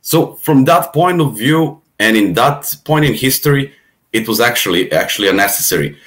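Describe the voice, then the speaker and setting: A man from Serbia with a Serbian accent, a podcast guest talking in a thoughtful, halting way and repeating words. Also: mid-range voice, expressive, fairly bright tone. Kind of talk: casual conversation.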